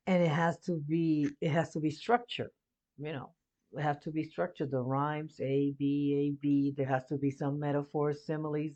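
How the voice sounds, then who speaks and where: A woman's voice: low voice, darkish tone, lo-fi sound. A woman hosting a reaction video, chatting casually and switching between Spanish and English as she thinks aloud. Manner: chatty, restarts and repeats words while thinking aloud.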